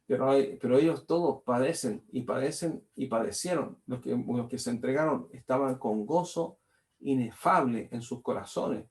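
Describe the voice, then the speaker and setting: A man's voice: medium pitch, normal speed, a little mellow. A male pastor preaching a sermon, reading scripture aloud and then expounding on it, repeating phrases and tagging lines with "¿cierto?".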